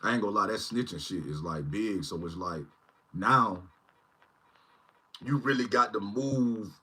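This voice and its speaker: A channel host in his forties runs a casual livestream, rambling and often asking "you know what I mean." His lowish voice is unhurried and sharp, with a breathy edge.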